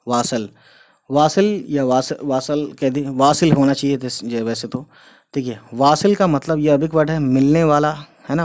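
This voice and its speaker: A man giving a casual spoken language lesson. He spells out letters slowly, repeats each word and often adds short check-ins. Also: mid-range voice, darkish tone. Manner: explains slowly, spells out letters, repeats words, fills with "theek hai". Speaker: language teacher.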